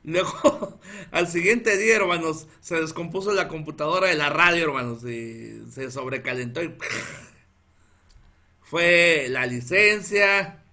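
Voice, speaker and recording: Bright-voiced Mexican pastor, animated storytelling. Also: male voice, a little high, a little slow. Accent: northern Mexican Spanish. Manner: animated, keeps calling out "hermanos", laughs at his own story. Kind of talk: storytelling sermon to a congregation.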